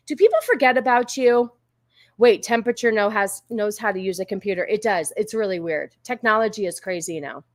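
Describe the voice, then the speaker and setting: A woman's voice: medium pitch, no room sound, clean studio sound. A woman hosting a livestream, chatting casually and informally with viewers, rambling and easily sidetracked. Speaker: livestream host. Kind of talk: casual chat with live viewers.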